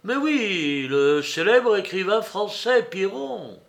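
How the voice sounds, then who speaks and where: A man's voice: high-pitched, sing-song, slow pace, vocal fry, pitched above the performer's own voice, heavily acted. A man playing a sly, boastful old hanger-on. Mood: sly boasting.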